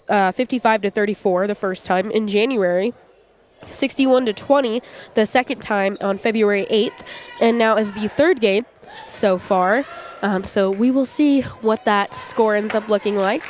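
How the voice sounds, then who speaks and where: A woman with a congested, sniffly nose gives informal, conversational live play-by-play commentary on high school basketball. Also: unhurried, a little hiss or hum. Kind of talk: casual live sports commentary.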